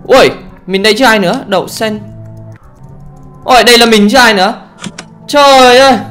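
A man giving let's play commentary on a horror game, excitable and often exclaiming and swearing casually. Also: sits high. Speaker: gamer, channel host.

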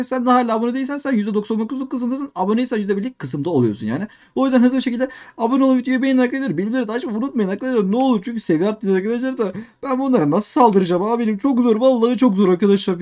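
Man, gaming YouTuber, high voice, fast, excitable, repeats himself, let's-play commentary. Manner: excitable, keeps calling viewers "abicim" and "arkadaşlar"; repeats phrases in quick bursts.

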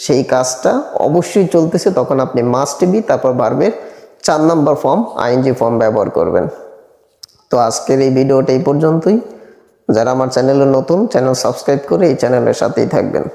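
A man's voice: medium pitch, creaky, warm tone. Man teaching grammar in an echoey room. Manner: repeats and slowly spells out example sentences. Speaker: English teacher. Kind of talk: spoken grammar lesson. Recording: echoey room with long reverb.

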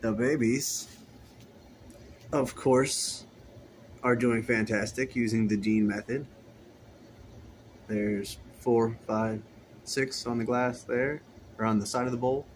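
A man's voice: mid-range voice, fairly even intonation, slow, pauses often, a little hiss or hum. A man casually walking through his fish room, filming on a handheld phone and chatting in an easygoing, rambling way. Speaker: aquarium hobbyist vlogger. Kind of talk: casual tank walkthrough. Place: indoor fish room with rows of tanks. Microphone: handheld phone camera.

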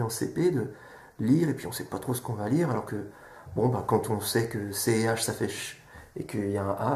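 A man calmly explaining to viewers how children learn to read, sounding out syllables one by one. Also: mid-range voice. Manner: patient, sounds out syllables step by step. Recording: echoey room.

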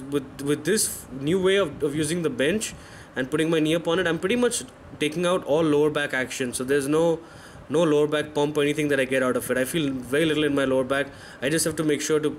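A fitness vlogger in his thirties narrates his own workout footage in a medium-pitched voice with slight background noise. His commentary is candid and self-correcting, recorded as a voice-over rather than in the gym shown.

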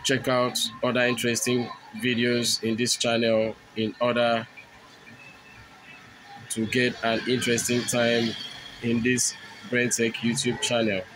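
A man narrating a step-by-step phone tutorial, explaining each button press in steady, repetitive phrasing. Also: medium pitch, measured pace, noisy background. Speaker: tech tutorial host.

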